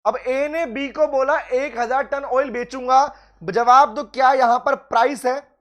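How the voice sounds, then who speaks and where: A man teaching law in a live online class. He mixes English legal phrases into his talk and urges students by name to reply quickly. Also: very high voice, fairly even intonation. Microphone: video call.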